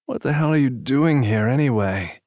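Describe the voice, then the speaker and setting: A man's voice: mid-range voice, expressive, normal speed, a little mellow, no room sound, clean studio sound, pitched above the performer's own voice, natural voice. A man voicing a hungover young man who mumbles and grumbles wearily, in an audiobook. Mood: miserable. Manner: mumbling, weary.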